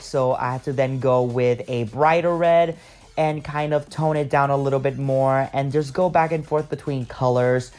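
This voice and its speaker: A man's voice: mid-range voice, a little mellow. A man talking casually over his makeup video, chatty and rambling, with lots of fillers as he explains each step. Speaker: makeup artist.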